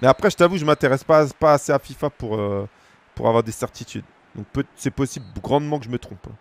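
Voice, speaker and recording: A man's voice: medium pitch, quick pace, creaky. A man in his thirties from France, streaming a football game and bantering with his chat in slangy, joking asides. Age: 30s. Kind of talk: casual gaming stream chat.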